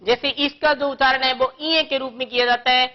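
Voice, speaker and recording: A woman teaching a grammar lesson to young children, explaining patiently and slowly with one example after another. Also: high voice, fairly even intonation, dull audio.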